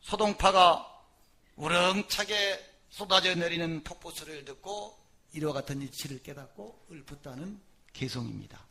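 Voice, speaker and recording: A man, a Buddhist monk, giving a sermon as a story. He asks his listeners questions and moves sharply between loud and soft. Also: fairly high pitch, normal speed, vocal fry.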